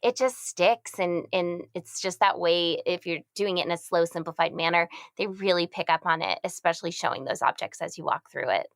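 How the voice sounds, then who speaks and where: Speech therapist lady in her 30s, animated, lowish voice, dry close mic. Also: moderate pace, few pauses, no room sound. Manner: animated, acts out words in a sing-song parent voice. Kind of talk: conversational podcast advice.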